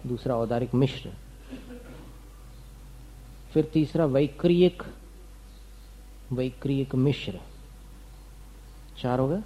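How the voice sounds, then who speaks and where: A man's voice: mid-range voice, dark tone, low-quality recording. A man giving a doctrinal lecture to students, asking and answering his own questions and listing terms one by one. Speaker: religious teacher.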